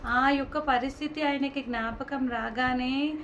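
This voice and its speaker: Woman, devotional class teacher, animated storytelling, faint hiss. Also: high voice, a little slow, muffled recording. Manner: animated storytelling with many self-corrections.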